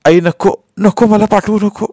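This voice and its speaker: Male narrator plays a terrified small boy in a storybook, pitched high, stammering through tears. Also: fairly even intonation, moderate pace, a little mellow, dry recording, studio quality, natural voice. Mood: pleading. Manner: sobbing, stammering, pleading. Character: frightened young village boy, crying.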